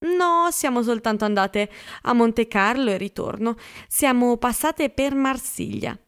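A woman voicing a gossipy, excitable young woman in an audiobook, with a chatty manner. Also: fairly high pitch, measured pace, clear, resonant tone, pitched above the performer's own voice. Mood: chattering. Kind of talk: audiobook character reading.

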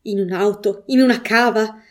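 A woman's voice: medium pitch, steady tone, moderate pace, close to an everyday voice. Woman voicing a stunned grieving father. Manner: stunned, clipped replies. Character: shaken middle-aged father, a retired major.

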